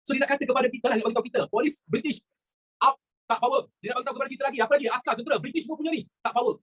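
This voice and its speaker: A man's voice: very high-pitched, fairly even intonation, rapid-fire, a bit bright, breathy edge. A man with a Malaysian Malay accent teaching a history lesson in a chatty way, asking rhetorical questions and repeating his phrases. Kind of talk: classroom lesson mixing in English words.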